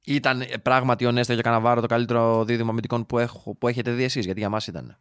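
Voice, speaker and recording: A man co-hosting a casual football podcast, talking in an animated, jokey way and often trailing off mid-sentence. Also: medium pitch, smooth, no echo, studio quality. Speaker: podcast co-host.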